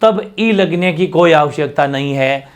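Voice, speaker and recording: A man teaching a fast exam-prep grammar lesson, drilling examples and asking rhetorical questions. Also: on the high side.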